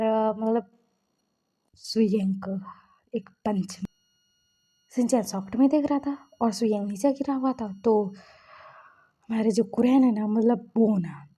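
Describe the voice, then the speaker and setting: A woman's voice: a little high, slow pace, pauses often, warm tone, slightly rough. Chatty woman narrating fan fiction. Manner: chatty, loose, many fillers. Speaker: storyteller.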